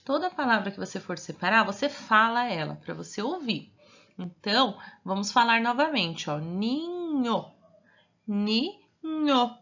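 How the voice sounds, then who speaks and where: A woman teaching a remote primary school class, speaking slowly and patiently and stretching out syllables. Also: medium pitch, expressive, pushed and bright. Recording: dull lo-fi audio.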